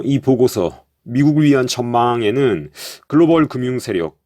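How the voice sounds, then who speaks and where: A man's voice: medium pitch, no echo, studio quality. A man explaining at length in a casual monologue, with frequent hesitations and sudden rises of emphasis. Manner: hesitant, many fillers and restarts, lively emphasis. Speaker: commentator.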